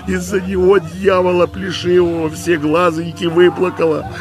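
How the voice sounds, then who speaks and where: Man doing a shrill wailing old peasant wife. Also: little pitch movement, moderate pace, close to an everyday voice. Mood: lamenting. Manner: shrieking, scolding, lamenting. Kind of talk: audiobook character voice. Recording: music playing behind.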